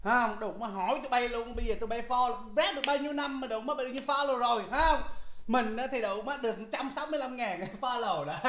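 A man's voice: extremely high pitch, fast talker, a bit bright, a little hiss or hum. A man hosting a reaction video, exclaiming often, laughing and repeating lines from a rap song. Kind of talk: excited reaction commentary. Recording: echoey room with music playing. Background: hip hop music.

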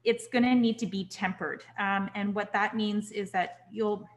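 A young woman teaching a cooking class in a kitchen, relaxed and chatty, checking in with "okay?" as she goes. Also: medium pitch, a little slow. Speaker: cooking instructor. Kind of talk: live online cooking class.

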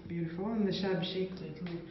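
A woman's voice: lowish voice, steady tone, quick pace, slight background noise. A young woman chatting casually in a travel vlog, playful and dryly teasing. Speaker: vlogger. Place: holiday apartment indoors, then outdoors in a windy forest. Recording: roomy, distant, dull camera audio.

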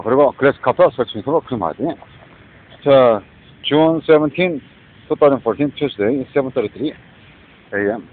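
Rambling man on a tinny line. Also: mid-range voice. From South Korea. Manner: disjointed, repetitive ranting. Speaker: vlogger. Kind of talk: rambling spoken monologue. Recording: tinny phone-like recording with faint noise.

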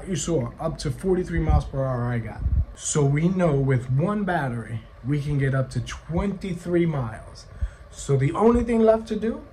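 A man casually talking to viewers in a vlog, relaxed and chatty, at times out of breath. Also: mid-range voice, slight background noise. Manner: relaxed, chatty, addresses viewers as you guys. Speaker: e-bike vlogger. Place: outdoors on open roads.

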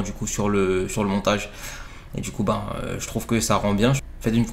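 A man hosting his own video channel, wrapping up the video in a relaxed way and talking to viewers as "les gars". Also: fairly low pitch, a little hiss or hum. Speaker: YouTuber host. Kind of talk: casual video outro.

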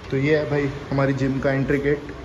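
A man's voice: medium pitch, completely flat delivery, brisk, dull audio. A young man gives a casual walkthrough of his gym, chatting to viewers as brother and filming on a phone at arm's length. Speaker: gym owner and fitness vlogger. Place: large indoor gym. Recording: reverberant gym hall with faint ambient noise.

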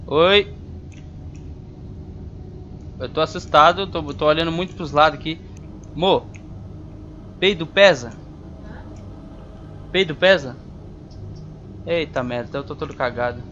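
Playing a horror game, a man delivers jittery, casual let's-play commentary and answers the game in slang. He speaks on the high side at normal speed with a sharp tone, pausing often, captured in a slightly dull home recording with faint noise.

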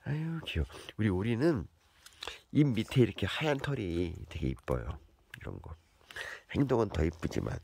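A man talking to his pets at home in a casual, coaxing way, chatting and scolding them gently. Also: on the low side, big pitch swings, normal speed, creaky, breathy edge. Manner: coaxing, talks to his pets in a sing-song voice. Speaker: pet vlogger.

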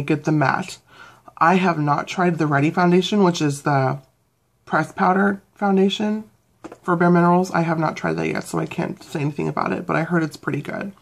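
A woman's voice: deep voice, steady tone, fairly quick, gravelly. A young woman giving a casual beauty product review, rambling with fillers and self-corrections. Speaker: beauty vlogger.

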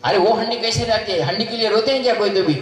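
An impatient, scornful grieving king fires off exasperated exclamations in a high, raised voice, as a man acts him out while telling a story. The sound comes from far off the mic and carries a long, roomy hall echo. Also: fast talker, close to an everyday voice.

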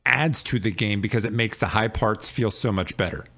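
A man's voice: on the low side, normal speed, a bit bright. A man hosting a casual gaming podcast, joking loosely with his co-hosts and sometimes mumbling and trailing off as he reads out where to find the show. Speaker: podcast host.

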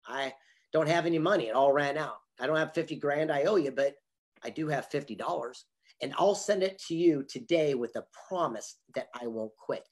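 At a normal speed and with a voice on the high side, a husky man in his fifties tells motivational anecdotes emphatically, acting out the dialogue. He's a motivational speaker and author being interviewed online from a home office with memorabilia on the wall, captured by a computer mic on a video call.

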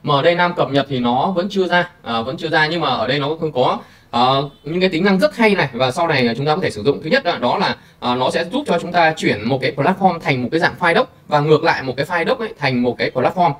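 A man hosting a screen-recorded software tutorial, talking casually to viewers with many fillers. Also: a little high, expressive, fast, far from the mic. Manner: chatty, filler-heavy, addresses viewers directly. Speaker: tutorial host.

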